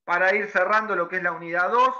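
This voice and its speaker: A male teacher lectures a class with an explanatory manner, constantly checking in with students through frequent "¿sí?". His high-pitched voice is fast, pushed and bright. The sound is muffled and lo-fi, a dull recording overall.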